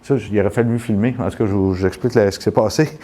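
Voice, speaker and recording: A man with a Quebec French accent, telling a rambling, animated story full of restarts and then guiding a postural check. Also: lowish voice, rapid-fire. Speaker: postural therapist. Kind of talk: casual storytelling and live demonstration.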